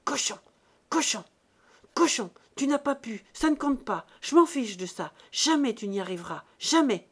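A woman's voice: a little high, expressive, moderate pace, hardly any pauses. A woman voicing a defiant young peasant woman who speaks sharply.

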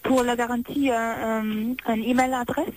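A woman hotel receptionist on a phone call, polite and formal, her French a little halting. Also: a little high, level tone.

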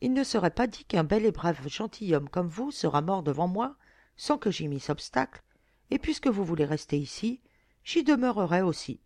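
A woman's voice: fairly low pitch, sing-song, moderate pace, darkish tone, no room sound, studio quality. A woman reading an earnest pleading fisher girl.

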